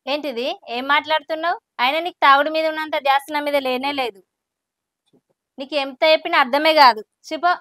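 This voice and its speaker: A woman's voice: high voice, fairly even intonation, a little fast, fairly bright tone, dry recording, studio quality. A woman playing a young newly married wife who scolds her husband. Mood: scolding. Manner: scolding, hurt. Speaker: newly married wife in a village short film. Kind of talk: village family drama acting.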